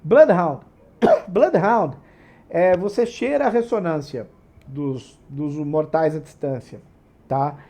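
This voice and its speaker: A man's voice: fairly high pitch, takes it slowly, warm tone. A man with a Brazilian Portuguese accent, hosting a tabletop RPG channel and explaining rules in a casual, digressive way with frequent tag questions.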